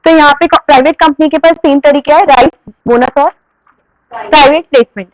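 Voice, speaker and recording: A young woman teaches a commerce class in a fairly high, slightly fast voice, captured in a dry, poor-quality recording. She poses questions and answers them herself, and firmly scolds students who disrupt the lesson.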